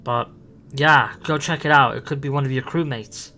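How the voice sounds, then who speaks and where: A man's voice: mid-range voice, normal speed, sharp tone. Man playing the Doctor, eager and improvised, a faint hiss behind. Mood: encouraging. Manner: improvising with restarts and fillers, eager. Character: the Doctor, a male alien time traveller, curious and urgent. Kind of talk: improvised fan audio drama.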